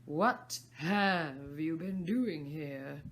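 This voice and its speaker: A woman's voice: low voice, animated, slight background noise, heavily acted. A woman voicing an imperious, furious storybook queen who bellows commands and draws out her words. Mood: suspicious, commanding. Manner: shouting, commanding, drawn-out words.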